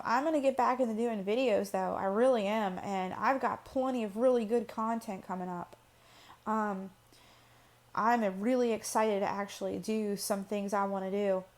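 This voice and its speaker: A woman hosting her own channel, talking casually and personally to camera, rambling with fillers and restarts. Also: mid-range voice. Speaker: channel host. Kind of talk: personal vlog talk to camera.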